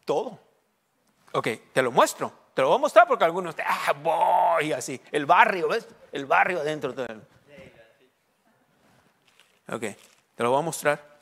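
A man preaching a sermon in a conversational way, often asking listeners if they understand and slowing down to stress key words. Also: on the high side, big pitch swings, a bit bright. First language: Spanish. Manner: conversational preaching, frequent check-ins with listeners; emphatic, slows down on key words. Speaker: pastor.

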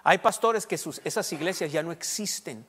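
A man with a Sonoran Mexican accent, a pastor preaching a sermon with lively asides and jokes to his congregation. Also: fairly high pitch, moderate pace, slightly rough, big-room sound. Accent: Sonoran Mexican Spanish. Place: church.

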